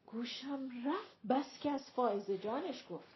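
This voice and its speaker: A woman's voice: high voice, animated, lo-fi sound, a little hiss or hum, voice pushed up. A woman voicing a blunt, nosy, gossipy middle-aged mother who chatters on, in an audiobook reading.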